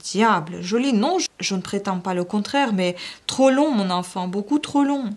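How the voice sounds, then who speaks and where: Fawning, obsessive older gentleman, read by a woman, pitched up, pressing and wheedling. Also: animated, normal speed, natural voice. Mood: patronizing. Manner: coaxing, insistent, rising to pleading. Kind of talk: audiobook reading.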